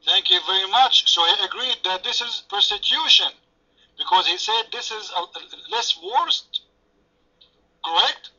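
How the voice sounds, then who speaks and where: Moderating an online debate in a mocking, taunting way, this French-native man speaks in a high, gravelly voice that comes across pushed and bright. The sound has the lo-fi quality of voice chat.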